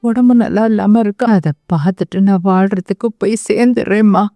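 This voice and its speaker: A woman's voice: medium pitch, brisk, mellow, no room sound, close to an everyday voice. An actress voicing a grieving elderly grandmother who blames herself, in a dubbed TV serial. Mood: sorrowful. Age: older. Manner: sorrowful, self-blaming. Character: grieving elderly grandmother, worried for her daughter. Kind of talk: TV serial dubbing.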